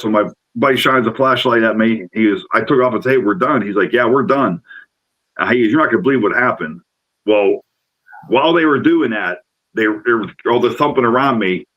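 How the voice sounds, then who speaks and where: A middle-aged man telling a rambling, excitable story as a guest in casual chat, repeating words as he goes. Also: mid-range voice, highs cut off. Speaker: paranormal investigator guest.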